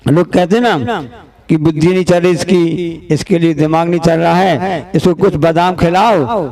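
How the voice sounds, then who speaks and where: A man giving a sermon as a Jain preacher to a seated gathering, deliberate and emphatic, acting out the dialogue in his stories. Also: a little high, fairly even intonation, darkish tone. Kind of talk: sermon with storytelling.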